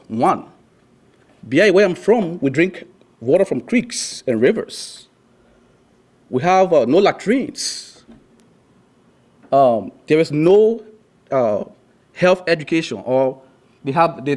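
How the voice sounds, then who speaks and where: This student presenter is a young man from Liberia whose voice sits a little high with a darkish tone. Earnest throughout, he keeps restarting sentences and leaning on fillers during his class talk.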